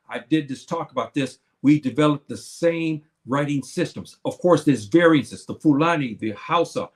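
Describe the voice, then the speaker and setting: A man in his seventies giving a casual livestream talk to his viewers. He speaks haltingly, with many fillers and repeated words, and he repeats his key phrases. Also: medium pitch. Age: 70s.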